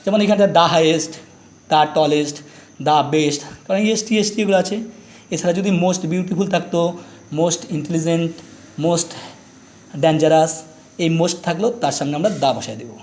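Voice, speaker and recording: High-voiced teacher quizzing students. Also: male voice, fairly even intonation, measured pace, long pauses, a little mellow, slight background noise. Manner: explains step by step with repeated quiz questions. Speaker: English teacher. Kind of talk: grammar lesson explaining articles.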